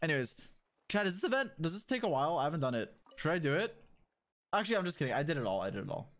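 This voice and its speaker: A male game streamer talks casually to his viewers in a high voice. His pitch swings widely as he teases, swears and jumps from joking shouts to low mutters. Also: very animated, very fast. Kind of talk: casual livestream chat with viewers.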